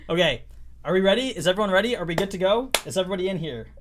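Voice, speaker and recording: A man's voice: sits high, a bit bright. A man hosting a casual livestream who laughs often and repeats himself when he gets flustered. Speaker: host.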